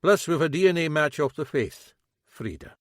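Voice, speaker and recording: A man voices an eager young male sergeant, pitching his natural voice higher than his own on the high side. The delivery is animated at a moderate pace, recorded with clean studio sound and no echo.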